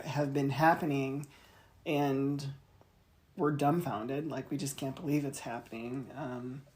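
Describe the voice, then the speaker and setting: Low-voiced woman chatting candidly. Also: darkish tone. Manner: candid, wry, laughs easily. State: in chemotherapy treatment. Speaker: podcast co-host. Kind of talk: casual chat.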